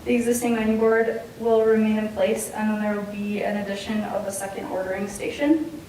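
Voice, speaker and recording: A woman giving a prepared, formal presentation at a public hearing in a flat, matter-of-fact way. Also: a little fast. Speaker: company representative presenting to a board. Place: indoor public hearing room. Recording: very echoey room, distant mic, faint rumble.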